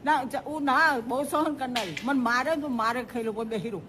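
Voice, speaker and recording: A woman's voice: high-pitched, fairly quick, background noise. An older woman from Gujarat, India, living in an old age home, talking about her life in a pious way and blessing the listener. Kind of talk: casual interview answers.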